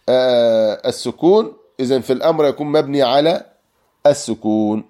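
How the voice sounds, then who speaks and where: A man teaching a grammar class. His voice is mellow and sits at a middle pitch. He explains each rule patiently, repeats his examples, and pauses on hesitant fillers.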